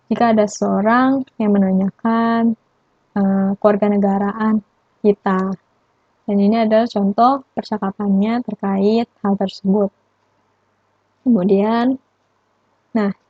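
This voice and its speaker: Patient woman teacher, husky dull recording. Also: medium pitch, no echo. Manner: patient, explains step by step, repeats examples slowly. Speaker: Mandarin language teacher. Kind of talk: explanatory classroom lesson.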